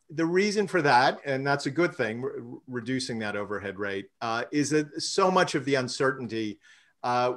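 A man serving as treasurer presents a budget and runs a vote at an online council meeting, speaking in a measured way with many fillers and restarts. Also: mid-range voice, fairly bright tone. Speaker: treasurer and finance committee chair.

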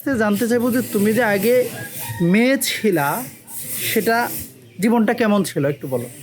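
Hosting his channel's on-location interview in a village, a Bangladeshi Bengali-accented man speaks in a high-pitched, expressive voice at a moderate pace. His questions are informal and probing, with crowd chatter and soft music in the background.

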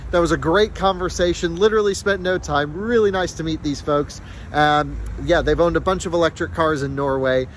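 A man's voice: on the high side, a little hiss or hum. A young man hosting a car vlog, thinking aloud with enthusiasm as he films himself by phone at a charging station at night. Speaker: car channel host. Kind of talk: casual vlog commentary. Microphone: phone camera at arm's length.

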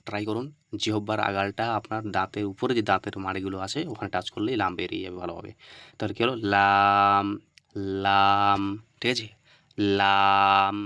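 A man teaching Arabic letter pronunciation step by step. He often asks and answers his own questions and repeats the letter sounds loudly. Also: on the low side, no echo.

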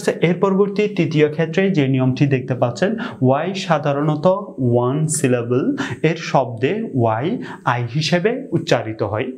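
A man with a Bangladeshi accent giving an explanatory online lesson on English pronunciation, often pausing with "ah" and repeating example words slowly. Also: a little high, darkish tone.

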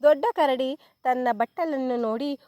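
Woman storyteller, unhurried children's story reading, fairly high voice, dry close recording. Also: no room sound. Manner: slow, clear, expressive storytelling.

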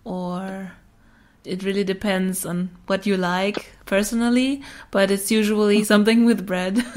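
Slow, easygoing woman who laughs a lot. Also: medium pitch, little pitch movement, a little mellow. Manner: slow, chatty, laughs often mid-sentence. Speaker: podcast host. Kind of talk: casual chat.

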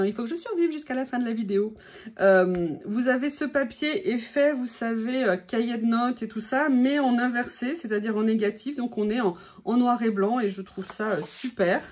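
A woman's voice: fairly high pitch, a little mellow. A woman from France chatting casually through a haul of craft papers, enthusiastic and full of hesitations. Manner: enthusiastic, many fillers and hesitations. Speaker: crafting vlogger. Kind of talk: casual product haul chat.

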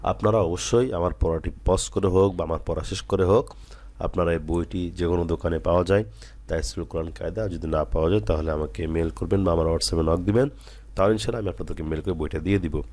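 Low-voiced patient male Quran teacher. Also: fast talker, darkish tone. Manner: patient, repetitive, earnest instruction. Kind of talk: slow recited drill then explanation.

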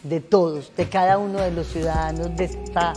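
A woman's voice: on the low side, steady tone, moderate pace. A woman, a program organizer, giving an enthusiastic invitation with repeated phrases. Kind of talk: promotional invitation. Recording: music clearly underneath.

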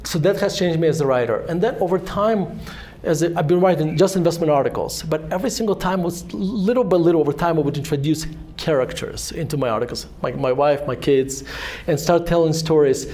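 With barely a pause, this author in his forties talks fairly quickly in a slightly mellow, high-leaning voice with a Russian accent. He is the guest at a fireside chat held in a synagogue hall, using a handheld mic to spin rambling, self-effacing anecdotes that keep breaking off and beginning again.

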